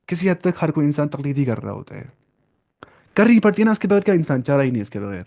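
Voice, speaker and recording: Male teacher, slightly high voice, easygoing lecture delivery that circles back on key words. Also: big pitch swings, vocal fry, a little mellow. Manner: conversational, repeats key terms, mixes English phrases. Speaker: religious studies teacher. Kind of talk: informal classroom lecture.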